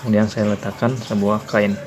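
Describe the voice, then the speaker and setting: Low-voiced man explaining a phone app. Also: flat delivery, normal speed. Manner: plain explanatory, repeats "ya, teman-teman" fillers. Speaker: tutorial channel host. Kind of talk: phone app tutorial walkthrough.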